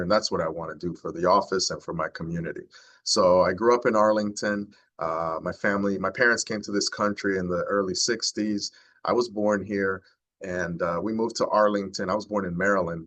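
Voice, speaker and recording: A man in his forties with a very deep, low voice talks to a neighborhood gathering as the county sheriff. His delivery is earnest and heartfelt, reflective and sincere as he addresses the community. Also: fairly bright tone. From United States. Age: 40s. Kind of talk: community talk to a neighborhood group.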